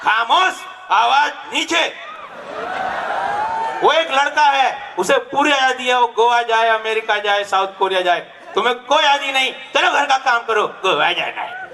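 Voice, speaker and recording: A man acting a strict old-fashioned father in a stage skit, scolding and shouting orders. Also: sits high, huge pitch swings, moderate pace, noisy background. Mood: stern.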